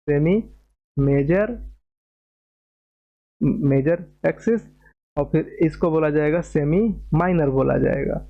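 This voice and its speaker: A man teaches maths in a lecture and works through each step at the board. He repeats key terms and stops often to check that students follow. His voice sits fairly high, and the recording sounds dull and muffled.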